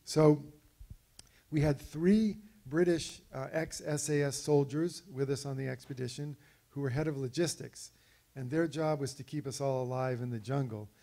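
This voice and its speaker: A man walks an audience through his slides, telling stories in a relaxed, easygoing way. His voice is dark and mellow with a gravelly edge, and he often pauses on fillers and restarts his sentences. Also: mid-range voice. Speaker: speaker presenting slides of an expedition. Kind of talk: illustrated talk to an audience.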